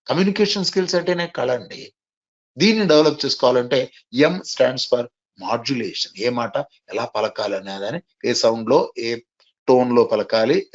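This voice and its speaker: A man's voice: a little high, lo-fi sound. A man giving a classroom lecture on communication skills, spelling key words letter by letter and posing rhetorical questions to his listeners. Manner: asks and answers rhetorical questions.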